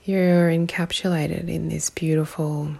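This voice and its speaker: Low woman's voice, very slow, calm meditative tone, soft and breathy, guided meditation, long pauses.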